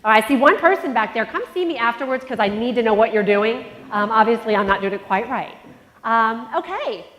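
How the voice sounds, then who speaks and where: On stage in a big conference hall, a middle-aged keynote speaker with a nasal voice shares a personal story and talks straight to her listeners in a motivational speech. She sounds fairly high, expressive, brisk and a bit bright, with a little hiss or hum and long hall reverb.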